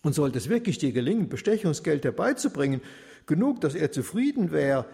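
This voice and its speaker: A man voicing a greedy, brazen neighbour who talks loud and gloating, in rhymed storytelling. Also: fairly high pitch, very animated, a little fast, vocal fry, long reverb tail. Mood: mocking.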